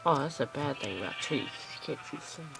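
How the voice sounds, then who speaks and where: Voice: mid-range voice, lively intonation, a little fast, vocal fry, music in the background, low-quality recording. A gameplay host chatting casually to viewers while playing, recorded on a phone aimed at a screen at home. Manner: chatty, rambling, talks to viewers. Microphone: phone camera pointed at a screen.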